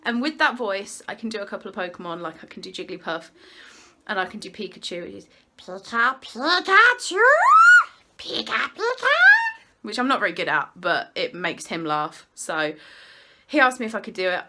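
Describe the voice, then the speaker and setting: A woman's voice: on the low side, brisk, pushed and bright, a little hiss or hum. A woman chatting casually to her phone camera at home, rambling and breaking off mid-thought. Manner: rambling, chatty, self-interrupting. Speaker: vlogger. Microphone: phone camera clipped on a window ledge.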